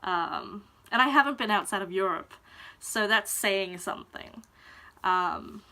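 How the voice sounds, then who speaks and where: Slow, reflective young woman vlogger. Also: mid-range voice, bright, forceful tone. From Denmark. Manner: hesitant and reflective, pausing often to find words. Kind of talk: personal confessional vlog talk.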